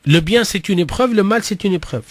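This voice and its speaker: A man with a fairly high voice hosts a religious radio show. He explains things conversationally, often repeating himself and dropping in Arabic phrases. The sound is close and dry. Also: expressive, fairly quick, no echo. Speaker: radio host and Islamic teacher.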